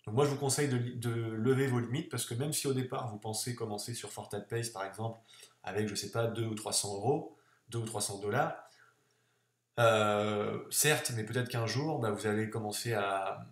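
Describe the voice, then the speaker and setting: A man's voice: fairly low pitch, steady tone, normal speed. A man hosting a casual screen-recorded tutorial, talking it through in a chatty way, with many fillers and restarts. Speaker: online tutorial host. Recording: echoey room.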